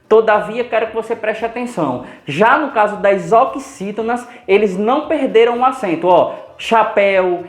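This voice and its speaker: A woman with a Brazilian Portuguese accent teaching an exam-prep grammar lesson, posing students' questions to herself and slowing down to spell out example words. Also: medium pitch, echoey room. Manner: didactic, asks herself students' questions and answers them.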